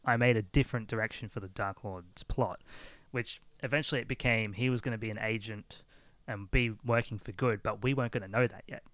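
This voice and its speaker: A man hosting a relaxed podcast, recalling things in a loose, rambling way. His voice is smooth and clear. The sound is dry and close. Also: fairly low pitch, brisk, no echo. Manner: rambling, full of restarts and "like". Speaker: podcast host. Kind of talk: casual chat.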